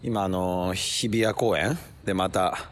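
A comedian chatting casually with a friend, roughly and loosely, often acting out other people's lines in a loud, high voice. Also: male voice, fairly even intonation, measured pace, slight background noise. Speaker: comedian podcast host. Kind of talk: casual chat recorded outdoors. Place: city park at night.

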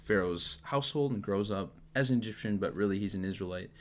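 A man co-hosting a podcast, casually teaching Bible stories with jokes and quick acted-out quotes. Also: fairly low pitch, slight background noise. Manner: relaxed, joking, acts out quotes. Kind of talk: casual Bible study chat.

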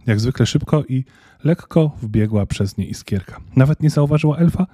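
A man narrating a children's storybook in a calm, measured reading. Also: medium pitch, husky, dry recording, studio quality. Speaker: audiobook narrator.

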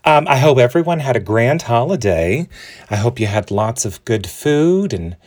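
A man's voice: medium pitch, lively intonation, moderate pace, darkish tone. A man in his forties hosting a podcast, chatting in a bubbly, campy way with playful pet names from his makeup table. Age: 40s. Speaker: podcast host. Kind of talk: casual monologue.

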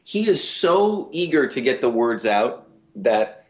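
A man's voice: medium pitch, big pitch swings, slow. A man from Cleveland, a voice actor, talking animatedly as an interview guest, often restarting his sentences. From Cleveland, USA. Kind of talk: casual interview talk. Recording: roomy lo-fi recording.

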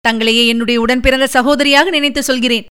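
A woman's voice: high-pitched, steady tone, fast, a bit bright, clean tone. A woman reading the part of a grief-stricken young noblewoman in an audiobook, pleading and tearful.

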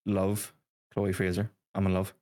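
Man as laid-back co-host. Low voice, tired, easygoing. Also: monotone, a little slow, dark tone. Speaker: podcast co-host. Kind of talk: casual banter podcast.

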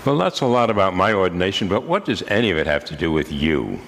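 A man in his eighties, a priest, delivering a sermon in a measured, solemn way with deliberate pauses. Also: deep voice, big pitch swings, fairly bright tone, long reverb tail, a little hiss or hum. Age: 80s.

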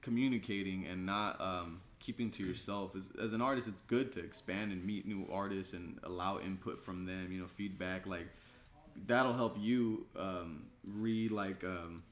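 A man's voice: deep voice, steady tone, moderate pace, reverberant. A man from Mexico, a musician, talking casually in a laid-back, slangy way with lots of fillers. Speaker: musician guest. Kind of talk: casual conversation.

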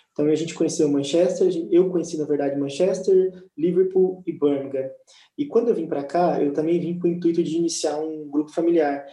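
Homem brasileiro animado, som de sala ecoante. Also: male voice, a little high, roomy sound, poor audio. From Brazil. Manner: enthusiastic, animated, says "cara" a lot. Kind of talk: casual chat.

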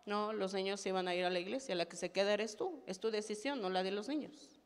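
Give me a woman acting out a stern husband giving short, firm orders in a lower voice. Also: brisk, clear, resonant tone, big-room sound, lightly acted.

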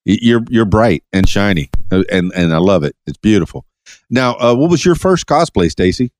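Lively intonation colors the lowish voice of a Miami podcast host, who speaks at a normal speed on a dry recording. In this casual interview he tosses out rambling, playful questions, tripping over words and restarting many times.

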